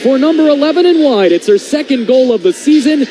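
A male sports announcer with a very high-pitched voice. He delivers brisk hockey commentary, following the play as it moves. The recording carries noticeable arena noise. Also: expressive. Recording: noisy rink broadcast audio.

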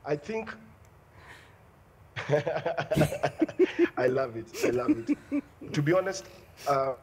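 A man's voice: a little high, very animated, slow pace. A man from Africa, speaking as a panelist over a breaking-up video call, checking hesitantly whether he can be heard. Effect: breaking-up video call audio. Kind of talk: remote panel discussion. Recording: choppy call line, faint noise.

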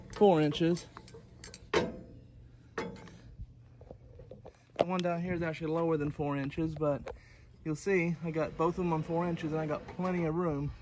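This sawmill hobbyist, a man in his thirties, holds his own phone camera as he demonstrates tips outside near a barn. He's plainspoken, explaining as his hands stay busy, and his voice leans high and a bit mellow over obvious outdoor background noise.

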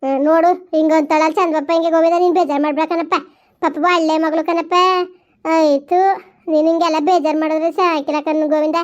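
A soothing, advice-giving village aunty, played by a woman in a comedy skit. Her voice sits very high, and the recording sounds dull and lo-fi. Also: level tone, fast talker, darkish tone, lightly acted. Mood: consoling. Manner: soothing, advising. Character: consoling village aunty Kamala, middle-aged woman.

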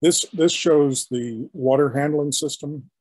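Older man with a husky, mellow voice. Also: fairly high pitch, no room sound, low-quality recording. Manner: halting, explanatory, with frequent restarts. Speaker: historian giving a guest talk. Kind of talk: illustrated lecture to an audience.

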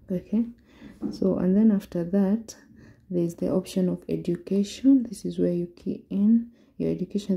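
In a lowish, gravelly, mellow voice, a Kenyan vlogger explains an online form one step at a time, taking it slowly over a screen recording for her viewers.

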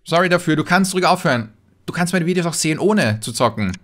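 Man, let's player, casual gaming commentary, chatty, slightly high voice. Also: animated, fast talker, a bit bright. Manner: chatty, jumps in pitch when reading names. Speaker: let's player reading viewer messages.

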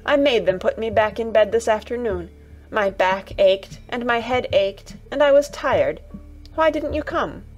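A woman's voice: on the high side, unhurried, dull audio, faint music behind, pitched above the performer's own voice. A woman voicing a sickly, spoiled young boy in a storybook reading, whiny and demanding. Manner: whiny, demanding, rising to shouts.

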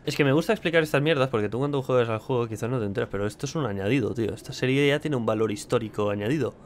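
A man's voice: medium pitch, racing, slight background noise. A young man, commentating his gameplay casually, joking and swearing. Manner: chatty and joking, swears a lot. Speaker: gameplay streamer.

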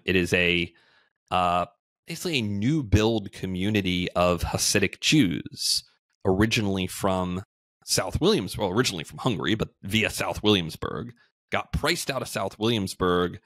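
A man in his thirties, a guest on a remote video call, explaining things in a measured way with frequent fillers. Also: low voice, fairly bright tone, no echo. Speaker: podcast guest, housing entrepreneur. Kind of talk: conversational interview.

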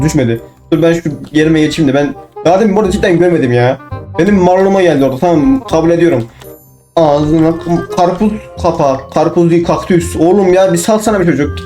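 A young man commenting on his own gameplay, excitable, talking to himself and bursting into shouts. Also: on the high side, fast, faint music behind. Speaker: gaming channel host.

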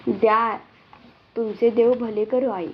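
A woman's voice: on the high side, fairly even intonation, slow. A woman voicing a humble, pleading poor old village woman who is sick, in a storybook reading with a lo-fi sound. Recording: dull lo-fi recording.

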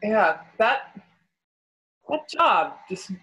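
A woman's voice: medium pitch, extremely slow, highs cut off. Playful woman guest telling stories. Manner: animated, playful storyteller. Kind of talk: casual chat.

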